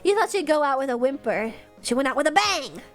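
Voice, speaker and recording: A woman's voice: sits high, big pitch swings, fairly quick, faint music behind. A young woman streamer with a stuffed-up nose, chatting and giggling as she reads fan messages. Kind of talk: casual live-stream chat.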